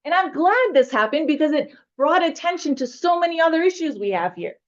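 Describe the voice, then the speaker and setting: A high-pitched woman trustee speaks with combative, emphatic passion at a village board meeting. The recording is dull and lo-fi. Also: expressive, brisk. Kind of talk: heated public meeting debate.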